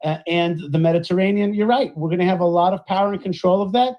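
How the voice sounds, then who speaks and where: A man's voice: high voice, fast talker, highs cut off. A man giving effusive, repetitive commentary sprinkled with Yiddish words. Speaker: rabbi commentator.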